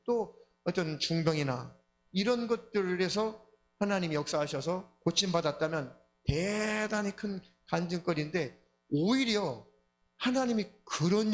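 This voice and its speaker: A male pastor delivers a sermon in a slightly raised register. He tells stories in an animated way and acts out prayers and dialogue. Soft music plays faintly behind him. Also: fairly high pitch. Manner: animated storytelling, acting out prayers and quotes. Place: church sanctuary.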